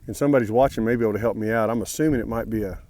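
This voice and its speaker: A man's voice: lowish voice, racing, a little mellow, slight background noise. A man vlogging casually outdoors on a mountain trail, friendly and rambling, with many fillers and restarts. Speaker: hiker vlogging his trail days.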